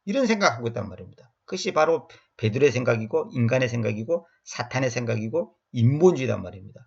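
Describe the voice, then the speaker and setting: A man giving an expository Bible lecture in an emphatic way, repeating words and acting out quotes with sudden jumps in pitch. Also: big pitch swings, quick pace, vocal fry, husky, dull audio. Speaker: Bible teacher.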